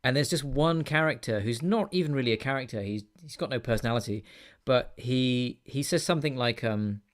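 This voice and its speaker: A man hosting a film podcast, rambling and relaxed, often restarting his sentences. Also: mid-range voice, fairly quick. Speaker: podcast host. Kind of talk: casual film chat.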